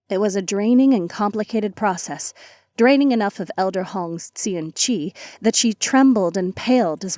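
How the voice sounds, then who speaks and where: A woman's voice: medium pitch, darkish tone, dry recording, clean studio sound. Woman narrating a fantasy audiobook. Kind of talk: scripted narration.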